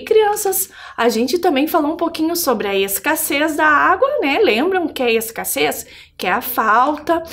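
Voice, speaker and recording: High-voiced Brazilian woman teaching children. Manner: cheerful kids-show-host address, prompting listeners with questions. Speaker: primary school geography teacher. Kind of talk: remote video lesson for children.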